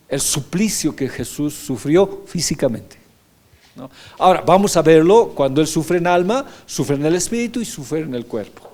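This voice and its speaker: A man's voice: fairly high pitch, darkish tone. A man preaching a sermon as pastor, reading scripture aloud and often asking the congregation rhetorical questions. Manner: reads scripture verses aloud.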